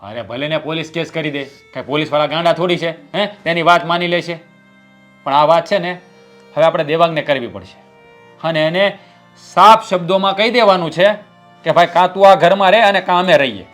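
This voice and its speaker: A man's voice: fairly high pitch, a little fast, fairly bright tone, soft background music, close to an everyday voice. An actor playing a protective husband who takes his wife's side in a family drama. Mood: stern.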